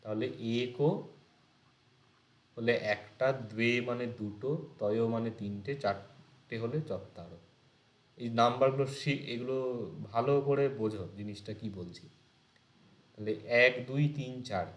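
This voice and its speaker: A man's voice: mid-range voice, slow pace, long pauses. Echoey male tutor explaining step by step. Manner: explains step by step, asks students questions. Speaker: teacher. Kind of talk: exam-prep lecture.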